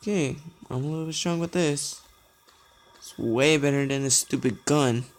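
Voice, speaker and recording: A man's voice: medium pitch, normal speed, a little hiss or hum. A young man giving let's play commentary, talking to himself and getting frustrated as he goes. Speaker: gamer.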